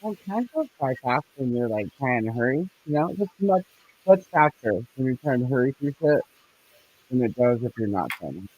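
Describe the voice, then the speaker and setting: A man's voice: mid-range voice, lively intonation, a little fast, a little hiss or hum. A man chatting casually and laughing on a live stream, his voice muffled as if heard through a wall from a camera microphone. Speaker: livestream co-host. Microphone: camera microphone instead of headset mic. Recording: muffled dull dry microphone sound.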